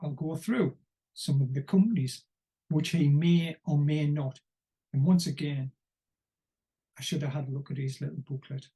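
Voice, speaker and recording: Mellow-voiced man rambling through politics. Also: a little high. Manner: rambling and wry, pausing to search for words. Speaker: political commentator. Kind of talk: unscripted political commentary.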